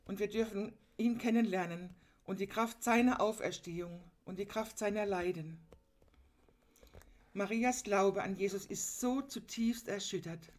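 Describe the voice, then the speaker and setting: A woman's voice: mid-range voice, darkish tone. A woman preaching a sermon, retelling a gospel scene earnestly and turning to her listeners with direct, emphatic appeals.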